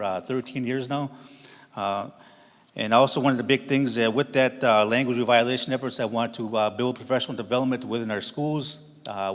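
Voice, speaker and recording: A man from Wisconsin giving a halting convention speech as a candidate, pausing often on filler sounds. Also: mid-range voice, a bit bright. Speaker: board candidate speaker. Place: large convention hall. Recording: long hall reverb.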